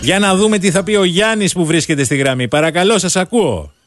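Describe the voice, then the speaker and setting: A man's voice: high voice, expressive, fairly bright tone, no room sound, clean studio sound, soft background music. A man hosting a call-in radio quiz, teasing and playful with his callers.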